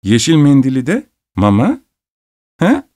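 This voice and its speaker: A man's voice: medium pitch, normal speed, a little mellow, voice pushed up, lightly acted. A man voicing a lazy teenage farm boy who talks in an eager, wheedling way.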